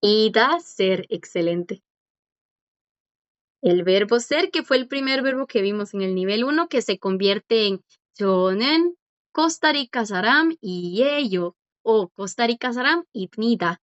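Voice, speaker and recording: A woman's voice: a little high, animated, measured pace, no room sound. A woman teaching a language class, patient and encouraging as she quizzes students and praises their answers. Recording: dull lo-fi dry audio.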